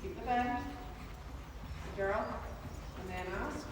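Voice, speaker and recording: A woman with a fairly high voice coaches a riding pupil with brisk, projected instructions and encouraging repeated cues. She is heard at a distance in a very reverberant arena, with clear noise and hoofbeats behind her. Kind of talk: live riding lesson instruction. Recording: echoey hall, distant, noisy.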